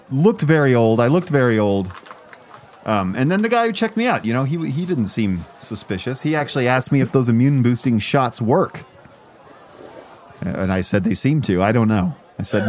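A man's voice: medium pitch, a little mellow, slight background noise. A man co-hosting a casual podcast, telling a self-mocking story and swearing loosely as he talks. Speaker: podcast co-host. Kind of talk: casual chat.

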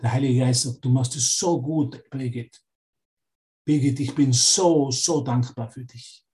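Ein Mann mit österreichischem Akzent leiht einem sanften, liebevollen Heiligen Geist seine Stimme und spricht leise und zärtlich. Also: male voice, mid-range voice, little pitch movement, pitched below the performer's own voice, close to an everyday voice. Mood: tender, grateful. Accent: Austrian. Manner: soft, slow and tender, names listeners one by one. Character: gentle loving Holy Spirit, grateful and soothing.

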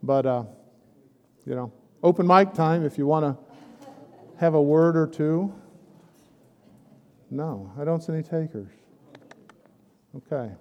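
A man's voice: fairly high pitch, unhurried, long pauses, lo-fi sound. A middle-aged man, a pastor, talking casually to a church group with a handheld microphone, rambling and joking as he encourages them. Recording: long hall reverb with murmuring crowd.

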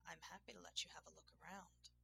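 A secretive, teasing man neighbor speaks in a soft rumbling murmur, as a woman narrator puts him on. The voice sits low with a gravelly edge. It has a bright, pointed tone. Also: takes it slowly, slight background noise, heavily acted.

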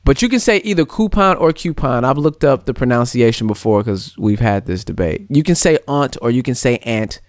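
A man's voice: mid-range voice, a little fast, few pauses, no echo, studio quality. A man co-hosting a podcast, arguing in casual banter and laughing often. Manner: animated, argumentative, laughs often. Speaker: podcast co-host.

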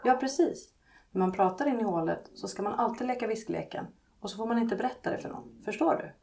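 A woman reading from her book, voicing a young girl who gently coaxes a frightened child in hushed tones. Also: fairly high pitch, animated, gravelly, voice pushed up. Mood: whispering. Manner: hushed, coaxing. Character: young girl, gentle and reassuring, whispering through a wall. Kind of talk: read-aloud storybook passage.

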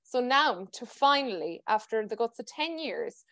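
Higher-pitched woman, west of Ireland accent. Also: big pitch swings, a little slow, sharp tone, no room sound. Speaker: podcast host. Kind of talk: casual conversational interview.

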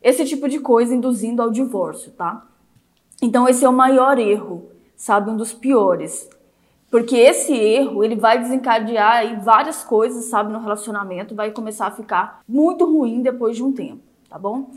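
A woman's voice: fairly high pitch, moderate pace. A young woman from Brazil teaching a live online class as a marriage coach, emphatic and repetitive, often ending with tag questions.

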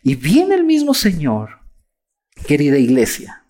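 A preacher with a Mexican accent, delivering a sermon in an animated way and acting out mocking quotes of others. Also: medium pitch, measured pace. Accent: Mexican Spanish.

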